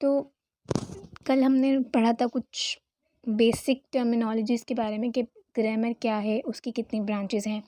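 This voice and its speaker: Dark-toned woman teaching a grammar lesson. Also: fairly high pitch, little pitch movement, no echo. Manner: explains slowly, mixing Hindi-Urdu with English terms. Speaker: English teacher.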